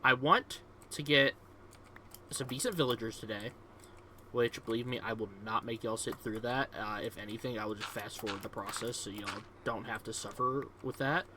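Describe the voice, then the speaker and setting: A man's voice: on the low side, normal speed, pushed and bright, a little hiss or hum. A young man, casually commentating on his own gameplay in a rambling, upbeat way, full of fillers. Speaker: gaming video host.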